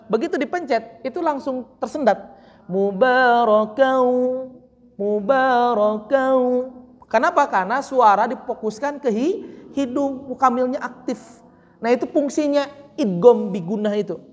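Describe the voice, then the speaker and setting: A woman teaching Quran recitation, patiently correcting a student and slowly demonstrating sounds. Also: on the high side, expressive, in a large hall. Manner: drawn-out chanted example words. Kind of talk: online recitation correction lesson.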